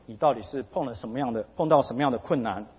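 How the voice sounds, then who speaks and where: A man quoting, in his own husky voice, an elderly pastor who counsels sternly and seriously, recorded dull with a long hall reverb. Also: medium pitch, quick pace. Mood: grave. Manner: serious, admonishing.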